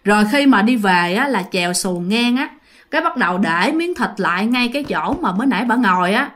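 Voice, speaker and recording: Speaking straight to her audience, a woman recounts a ghost story in a chatty way. Her medium-pitched voice is animated and a bit bright, moving a little fast.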